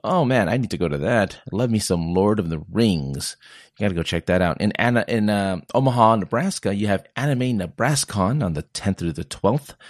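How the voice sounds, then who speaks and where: A man's voice: lowish voice, darkish tone, no room sound, clean studio sound. A young man hosting a podcast, reading out a list of upcoming events in a chatty, joking way and tripping over place names now and then. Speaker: podcast host.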